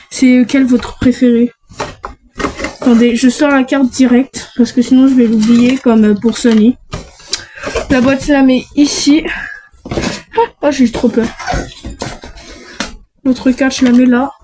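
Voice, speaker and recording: Chatty high-voiced woman unboxing toys. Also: fairly even intonation, unhurried, long pauses, mellow, slight background noise, rough recording. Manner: chatty, self-talking, frequent restarts. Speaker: unboxing vlogger. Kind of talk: casual unboxing chat.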